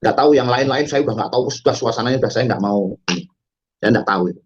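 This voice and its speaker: A man telling his story to an audience in a dramatic testimony, halting with many fillers and breaking into loud quoted shouts. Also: medium pitch, husky, lo-fi sound. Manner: halting, frequent fillers and restarts. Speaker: testimony speaker. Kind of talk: dramatic spoken testimony to a congregation.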